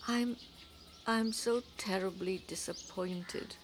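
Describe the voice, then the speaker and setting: An actress playing an imperious, frail elderly Indian aunt in an audio drama, with a sharp, commanding manner and an Indian accent. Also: female voice, mid-range voice, slow, noisy background, natural voice. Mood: weary, disappointed. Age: older.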